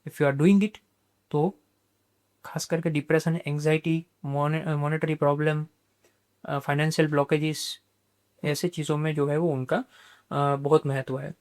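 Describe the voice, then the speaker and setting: Man, podcast guest, measured explanation, slightly high voice, English words mixed in. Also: little pitch movement, darkish tone. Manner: measured, mixes English terms into Hindi. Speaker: spiritual speaker, podcast guest. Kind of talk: explanatory spiritual talk.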